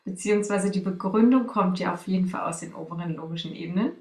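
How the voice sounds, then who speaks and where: A woman's voice: lowish voice, fast, a little mellow. Woman, interviewer, inquisitive follow-up questions, echoey room. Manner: inquisitive, agreeing.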